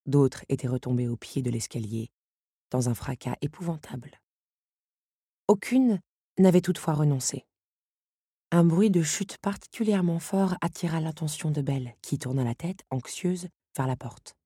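A woman narrates an audiobook in a measured, even way. Her voice is low, husky and mellow. The recording is dry and close. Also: dry recording.

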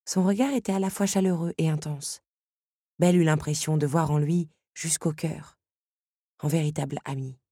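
A woman narrates a novel in a measured, even way. Her voice is low and husky, recorded dry and close with no room sound. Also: no room sound. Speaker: audiobook narrator. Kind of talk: novel read aloud.

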